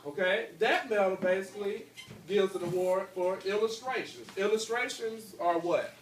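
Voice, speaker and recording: A high-pitched man in his thirties reads aloud to his class at a moderate pace, pausing often to check that the pupils follow and tagging phrases with "okay." It's a classroom read-aloud with questions, recorded indoors at school on a phone held by someone across the room, so the sound is echoey, noisy and distant.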